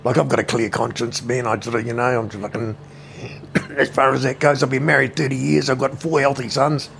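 A man's voice: medium pitch, little pitch movement, brisk, creaky, a bit bright, slight background noise. A man in his fifties with a New Zealand accent, telling family stories in a casual interview, blunt and swearing constantly. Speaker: interviewee, brother.

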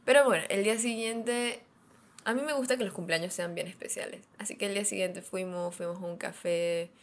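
A woman's voice: mid-range voice, brisk, slight background noise. Chatty young woman telling stories. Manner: chatty, animated, repeats phrases for effect. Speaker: podcast host. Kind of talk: casual storytelling chat.

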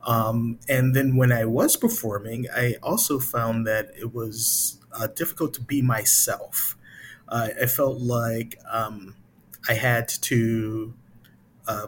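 Middle-aged American male interview guest, mid-pitched, halting casual delivery, some background noise. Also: steady tone. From Chicago, US. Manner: halting, hesitant, thinking aloud. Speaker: interview guest, improv company founder.

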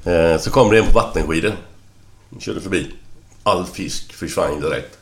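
A man telling crude jokes casually among friends, in an animated storytelling manner. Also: low-pitched, a little hiss or hum. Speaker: joke teller.

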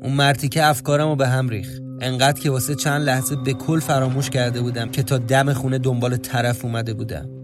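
A man reading his own first-person mystery horror story in a measured, tense storytelling voice. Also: medium pitch. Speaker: narrator and writer. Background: faint music.

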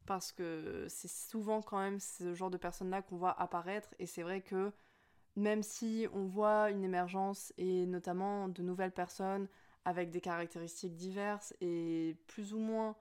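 A woman's voice: medium pitch, fairly even intonation, unhurried, a little mellow, clean tone. A young woman of Spanish and Portuguese family speaking in a personal, reflective monologue, hesitant with many fillers and restarts.

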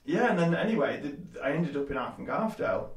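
A man's voice: a little high, animated, a little fast. Rambling young Yorkshireman, roomy sound. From Leeds, England. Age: 20s. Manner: rambling, many fillers and restarts. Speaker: guest, small business owner. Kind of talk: casual interview chat.

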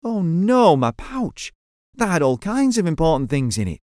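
A man's voice: medium pitch, big pitch swings, fairly quick, no echo, clean studio sound, close to an everyday voice. A man voicing an earnest, curious adult space captain who talks in a raised, eager voice. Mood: anxious.

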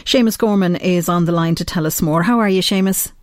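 A woman's voice: fairly low pitch, brisk, no echo, clean studio sound. A woman with a west of Ireland accent hosting a conversational interview on the radio. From Galway, west of Ireland. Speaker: radio show host.

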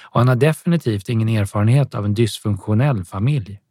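A man narrating a story calmly and evenly, with soft music behind him. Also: on the low side, no echo, clean studio sound. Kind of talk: scripted audiobook narration.

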